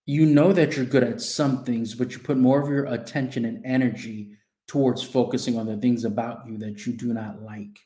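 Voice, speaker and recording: Casting: male coach, earnest self-help speaker, mellow voice, echoey room. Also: mid-range voice, steady tone, normal speed. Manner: earnest, addresses the listener directly with questions. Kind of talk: motivational self-help talk.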